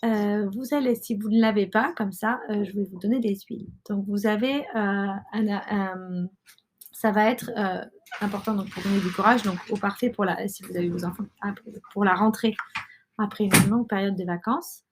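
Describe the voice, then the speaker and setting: A woman's voice: mid-range voice, steady tone, moderate pace, noisy background. Hesitant woman explaining. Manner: hesitant, many fillers and restarts. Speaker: podcast host and mother. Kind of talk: casual explanatory talk.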